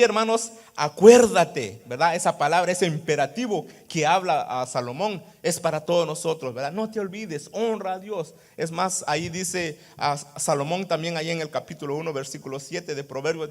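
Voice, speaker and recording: A male pastor preaches at a normal speed in a high-pitched, highly animated voice, relying on rhetorical questions and constantly tagging phrases with "¿verdad?" ("right?") to keep the congregation with him. He alternates between quiet asides and loud exclamations of praise.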